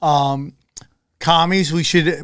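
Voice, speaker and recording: High-voiced man joking crudely on a podcast. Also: steady tone, slow pace, a bit bright, clear, resonant tone, no room sound, studio quality. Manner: crude, joking, laughs often. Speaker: podcast co-host. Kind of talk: casual comedic podcast banter.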